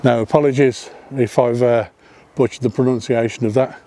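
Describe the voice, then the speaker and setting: A photography vlogger, not Welsh, chats casually as he walks a hillside path above a seaside town, often saying um and correcting himself. His voice is mid-range and dark-toned, steady, at a moderate pace.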